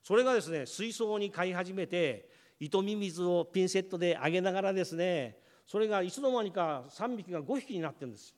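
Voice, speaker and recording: A man's voice: sits high, animated, a little fast. A man preaching a sermon as pastor, telling a family story and acting out the voices of his family before addressing the congregation directly. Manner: storytelling, acts out family members' words. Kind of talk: sermon with personal anecdote.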